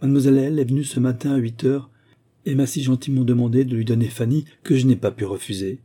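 Male narrator voicing a guarded, formal mother, curt, dark husky tone. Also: medium pitch, fairly even intonation, quick pace, close to an everyday voice. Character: wary middle-aged mother, curt then formal.

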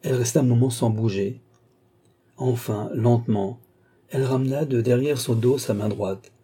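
A man reading a detective novel aloud in a steady, even storytelling manner. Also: mid-range voice, moderate pace, husky. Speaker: audiobook narrator.

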